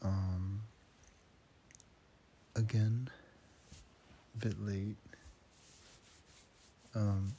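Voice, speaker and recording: A very tired young man in his late teens, slightly nasal from a cold, keeping a personal audio diary in a halting way with restarts, sighs and throat clearing. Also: fairly low pitch, level tone, dark tone, slight background noise. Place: at home indoors.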